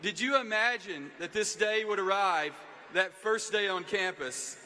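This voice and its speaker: Man, university leader, rousing commencement address; high, very bright voice with long hall reverb. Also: unhurried, slight background noise. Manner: rousing, addresses the crowd directly with calls to stand and cheer. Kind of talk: commencement speech to a large audience. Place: large packed venue.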